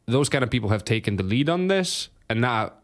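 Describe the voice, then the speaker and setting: A man's voice: mid-range voice, brisk. A young man co-hosting a podcast, casual and sweary, laughing often. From Romania. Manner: animated, sweary, laughs a lot. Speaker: podcast co-host. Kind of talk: casual chat.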